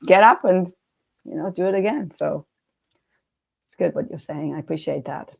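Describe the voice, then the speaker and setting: A woman's voice: on the low side, normal speed, gravelly, slightly rough. A woman with a German accent hosting a casual interview, chatty and often restarting her sentences. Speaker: podcast host and coach.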